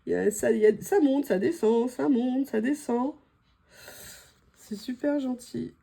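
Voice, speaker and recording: A woman with a French accent and a slightly hoarse voice, chatting casually to viewers as she opens her mail, gushing and full of fillers. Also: a little high, measured pace, warm tone. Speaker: craft vlogger opening mail.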